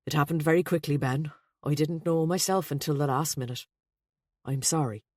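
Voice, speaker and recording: A woman reading the lines of a reserved, earnest male police sergeant in an audiobook, measured and businesslike. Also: low voice, darkish tone, dry recording, studio quality. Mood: apologetic.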